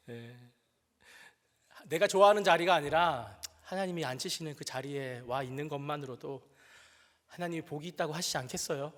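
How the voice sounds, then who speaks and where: A high-pitched man preaching a sermon, his voice ringing out with a long church-hall reverb. He tells stories with animation, acts out the voices he quotes, and pokes fun at himself along the way. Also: moderate pace, pauses often, a bit bright. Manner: self-deprecating humor. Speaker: pastor. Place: church sanctuary.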